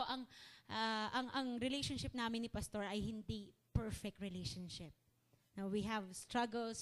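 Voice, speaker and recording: High-voiced woman preaching with fervor. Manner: earnest, building to fervent exhortation; confiding personal stories. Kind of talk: Taglish sermon.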